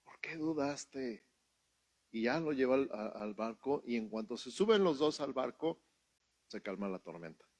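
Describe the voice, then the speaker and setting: A man's voice: medium pitch, normal speed, no echo. A man with a Mexican accent preaching a sermon at a church service, telling stories and acting out what people said. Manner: animated storytelling with acted-out quotes. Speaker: pastor.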